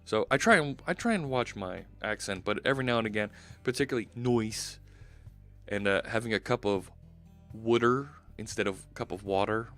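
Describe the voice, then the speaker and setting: A man in his forties with a Philadelphia accent runs a casual coding live stream from his indoor home studio, wearing a headset. His voice is lowish and a bit bright at a moderate pace, and he thinks out loud with lots of fillers over soft background music.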